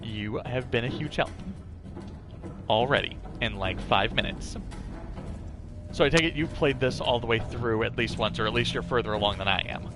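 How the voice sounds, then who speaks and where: A man's voice: mid-range voice, moderate pace, long pauses. A man doing casual live game-stream commentary, chatting and thinking aloud as he plays. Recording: music behind the voice. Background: music.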